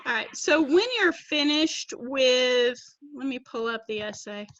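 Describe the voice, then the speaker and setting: A woman with a high-pitched, fairly bright voice teaches an online class via video call, patiently explaining at a measured pace and reading out quotes. Her laptop microphone produces dry, dull lo-fi audio.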